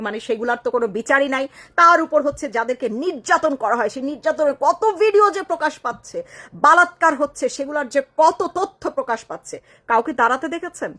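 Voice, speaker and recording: Woman commentator, high and expressive, impassioned and accusing, throws rhetorical questions at viewers. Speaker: political commentator. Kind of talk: online political commentary.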